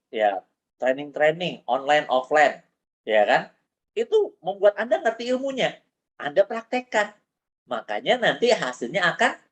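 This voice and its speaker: A man who works as a business coach, giving an animated motivational training talk over a video call, full of rhetorical questions. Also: sits high. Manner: animated, rhetorical questions, mixes in English phrases.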